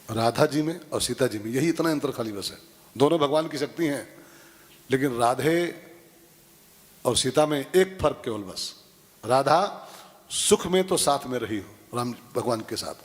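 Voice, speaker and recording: A man preaching a devotional sermon in a slightly high voice. He tells stories in an animated way, acting out quotes and checking in with his listeners. His voice rings out with a long hall reverb. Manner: animated, acts out quotes, asks "हाँ?" to the audience. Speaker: preacher giving a religious discourse.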